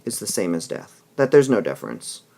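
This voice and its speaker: A man's voice: on the low side, very animated, fairly quick, creaky, dark tone. A man teaching a literature lesson, explaining patiently and often checking in with "all right?" between passages he reads aloud.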